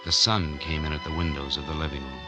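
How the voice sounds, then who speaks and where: In this vintage 1940s radio recording, music runs behind an actor whose voice is extremely low, fast and fairly even in intonation, with the highs cut off. He plays a wry, broke drifter telling his tale in brooding first person, laconic and hard-boiled in true 1940s radio noir fashion.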